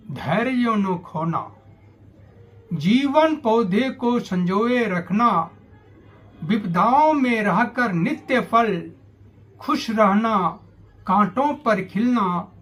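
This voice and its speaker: A man reciting his own poems, measured and deliberate, repeating lines for emphasis. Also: high voice, a bit bright. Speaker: poet. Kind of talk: slow poetry recitation.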